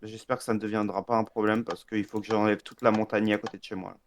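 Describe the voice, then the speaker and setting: A young man playing alongside a friend, chatting calmly with dry, mock-formal asides. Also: lowish voice, fast, a little hiss or hum. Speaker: co-player. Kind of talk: casual gameplay chat.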